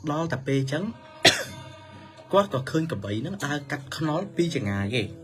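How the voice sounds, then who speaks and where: A man telling a story for children in a lively manner, his pitch swinging up and down. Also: normal speed. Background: music.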